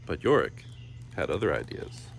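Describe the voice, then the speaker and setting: This storybook reader is a man with a deep, very animated voice who speaks at a normal speed. He reads a children's story playfully, dropping in informal asides, and background noise is clearly audible behind him.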